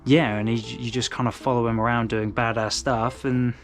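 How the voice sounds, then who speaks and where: Casting: young English man, mid-range voice, easygoing rambling chat at home, soft music behind. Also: mid-range voice, flat delivery, normal speed. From England. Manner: laid-back, rambling, with frequent restarts. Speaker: manga collector vlogger. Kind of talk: casual chat.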